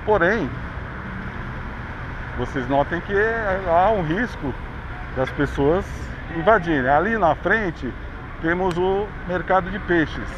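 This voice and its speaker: Brazilian man, slightly high voice, chatty tour-guide narration, dull handlebar-cam audio with street traffic noise. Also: lively intonation, slow. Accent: Brazilian Portuguese. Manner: chatty tour-guide commentary, pointing things out. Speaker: vlogger. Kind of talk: narrated bike ride. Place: outdoors on a city bike path. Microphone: action camera on handlebars.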